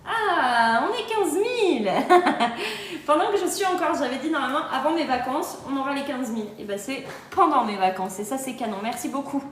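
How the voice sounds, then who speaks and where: High-voiced chatty woman on a livestream. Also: expressive, moderate pace, fairly bright tone, reverberant. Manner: chatty and upbeat, often laughing. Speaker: Thermomix sales adviser. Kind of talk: casual live-stream chat answering viewer comments. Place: on holiday, recorded in an echoey spot.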